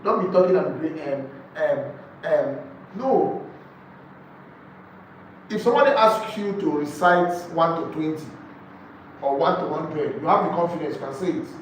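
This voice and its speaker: A Nigerian-accented man leads a live training lecture for a group as a real estate sales trainer, his fairly high voice keeping a measured pace with long pauses. He speaks emphatically, repeats key phrases, and asks rhetorical questions, recorded distantly in an echoey room with faint noise.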